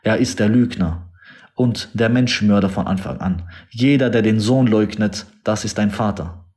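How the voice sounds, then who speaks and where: A lay preacher reads scripture and drives his points home with insistent repetition. His delivery swings between slow, weighty phrases and forceful declarations. It sounds like a solo sermon spoken straight to the listener. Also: on the low side. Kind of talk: Bible reading and sermon.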